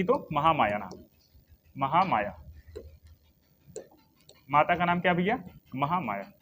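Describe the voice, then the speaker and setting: A man's voice: high-pitched, fairly bright tone. A man teaching a history coaching class, who asks questions, answers them himself and repeats the key names again and again. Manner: drills key names by repetition, dictates notes.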